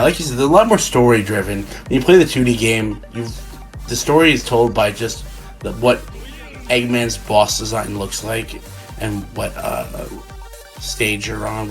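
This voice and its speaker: A drunk man in a casual fan discussion, rambling and halting as he repeats and restarts his phrases. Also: lowish voice, poor audio. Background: music.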